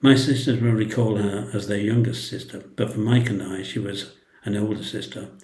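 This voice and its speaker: An older man with an English accent reading a prepared eulogy in a tender, solemn and measured way. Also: fairly low pitch, fairly even intonation, darkish tone. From England. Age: older, 60s or above. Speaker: brother giving a eulogy. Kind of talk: prepared eulogy, read aloud. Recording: echoey room.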